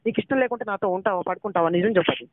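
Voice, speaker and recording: Rapid pleading man on a tinny phone line. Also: high-pitched, no echo. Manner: pleading, accusing, rapid and insistent. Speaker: jilted boyfriend on a phone call. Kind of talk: heated phone argument. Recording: tinny phone call recording.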